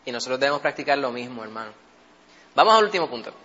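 A man's voice: mid-range voice, animated, rapid-fire, sharp tone, dull audio, slight background noise. A Puerto Rican man leading a Bible study in a conversational teaching style, often checking in with his listeners. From Puerto Rico. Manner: keeps asking listeners for assent.

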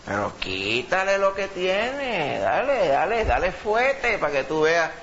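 A sneering, goading devil who taunts with a slightly raised voice, as a preacher puts him on. The sound is a bit muffled, with a faint room hum behind. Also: male voice, sits high, sing-song, slow, a bit bright, pitched above the performer's own voice, exaggerated voice. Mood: scoffing. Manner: mocking, goading. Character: sneering, accusing male devil.

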